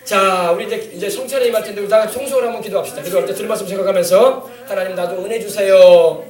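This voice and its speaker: A man's voice: high-pitched, racing. A male pastor preaching a sermon, emphatic and repetitive, urging his congregation to pray. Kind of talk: sermon with call-and-response. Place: church sanctuary. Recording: echoey room, mic at a distance.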